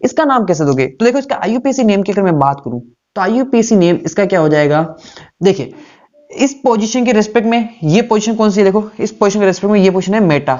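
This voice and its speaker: A man's voice: sits high, animated, quick pace, a little mellow. Man teaching, quizzing himself, lo-fi sound. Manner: poses questions and answers them himself, repeating key terms. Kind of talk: classroom lecture.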